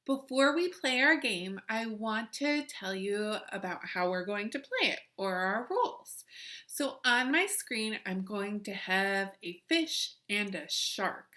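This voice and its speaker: A woman teacher with a mid-range voice and lively intonation leads an interactive children's lesson, speaking to viewers through the screen. Her delivery is slow, pushed and bright, full of encouragement, simple instructions, questions and repetition.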